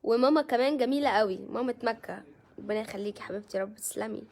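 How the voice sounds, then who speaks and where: A woman's voice: fairly high pitch, fast, darkish tone. An Egyptian woman hosting a casual live stream, chatting with viewers and greeting them by name. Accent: Egyptian Arabic.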